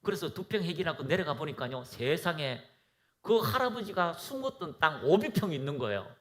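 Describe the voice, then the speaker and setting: Fervent pastor preaching with lively pitch. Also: male voice, brisk. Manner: fervent, exhorting, leads the congregation in reciting. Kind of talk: sermon. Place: church.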